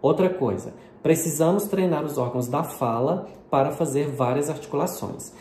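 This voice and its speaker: A man's voice: on the high side, moderate pace, mellow. A man from Brazil giving a patient, explanatory video lesson on phonetics, sprinkling his speech with diminutives. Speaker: linguistics teacher. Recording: echoey room with faint noise.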